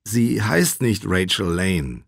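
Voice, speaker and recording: A man voicing a sedated sick man in a hospital bed who mumbles slowly and drifts off. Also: low-pitched, very animated, vocal fry, no echo, studio quality, exaggerated voice. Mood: drowsy.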